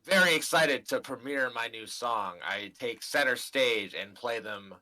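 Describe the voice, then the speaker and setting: A man's voice: mid-range voice, a little slow, bright, forceful tone, low-quality recording. A man playing a tabletop game, bantering casually with crude jokes. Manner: crude, joking. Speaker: player.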